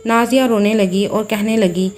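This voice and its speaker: A woman narrating a family story in a steady, plain storytelling manner. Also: mid-range voice, normal speed, soft background music.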